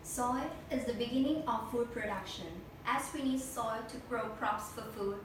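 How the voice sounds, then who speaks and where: A young woman recites a memorized speech for a competition, stiff and deliberate. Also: on the high side. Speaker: speech contestant. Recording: echo-heavy room, distant mic, noisy.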